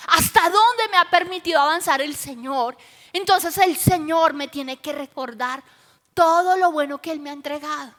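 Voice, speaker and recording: A woman preaching a Sunday sermon in an expressive, emphatic way. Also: very high-pitched, in a large hall.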